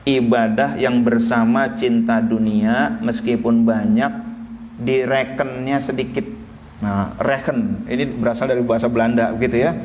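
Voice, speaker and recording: A man's voice: mid-range voice, steady tone, moderate pace, a little mellow, a little hiss or hum. A man from Indonesia preaching a sermon, telling a story and acting out its characters, then reading Arabic text and translating it. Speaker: Islamic preacher.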